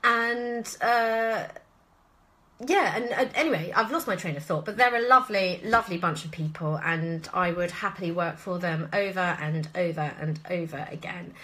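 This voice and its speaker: Chatting casually at home in a live Q&A, a British actress and voice actor rambles and pokes fun at herself while answering viewers' questions indoors. She speaks at normal speed with a fairly low, somewhat bright voice.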